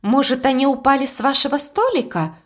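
A woman's voice: sits high, sing-song, brisk, voice pushed up. A woman voicing a bold young housemaid who speaks frankly and stands her ground. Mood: respectful.

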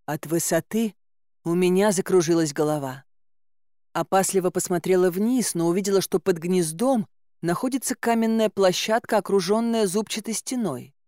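A woman narrating a first-person audiobook in a measured, lightly ironic storytelling manner on a close mic. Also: on the low side, warm tone, no room sound.

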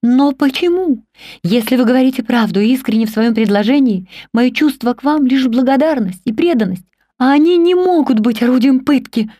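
A woman's voice: high voice, lively intonation, brisk, mellow, no room sound, clean studio sound, pitched above the performer's own voice. A woman reading the part of an earnest young governess in an audiobook, raised and urgent.

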